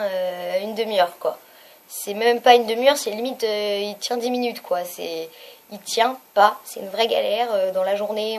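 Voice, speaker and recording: A young woman chatting casually as a beauty vlogger, hesitant and full of fillers while she reviews makeup. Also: medium pitch.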